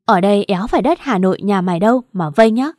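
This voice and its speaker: Woman reading a brutish ex-husband, coarse, menacing, swearing, mellow, dry. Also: mid-range voice, fast talker, dry recording, lightly acted. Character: brutish abusive ex-husband, young man.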